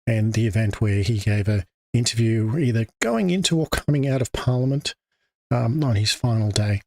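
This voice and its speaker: Talking off the cuff into a desk mic, this Australian man runs an English-teaching livestream, his speech full of fillers and restarts. He has a mid-range voice, captured in a dry recording.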